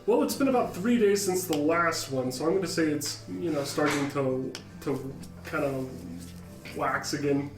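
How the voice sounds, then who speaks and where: A man's voice: on the high side, moderate pace, over music. A man running a tabletop game as game master, talking loosely with fillers and laughs. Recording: roomy, distant mic, background noise.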